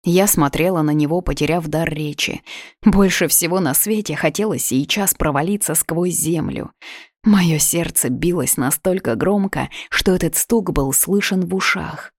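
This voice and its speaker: A woman reading a first-person story aloud in steady, measured narration. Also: low voice, no echo, clean studio sound. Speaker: audiobook narrator.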